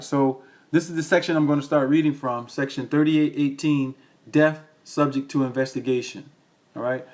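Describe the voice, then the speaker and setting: A man giving impassioned commentary as he reads from a county ordinance, asking "all right?" after his points and rising into an emphatic, preacher-like tone. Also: fairly high pitch. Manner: tags lines with "all right?". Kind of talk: impassioned commentary reading from documents.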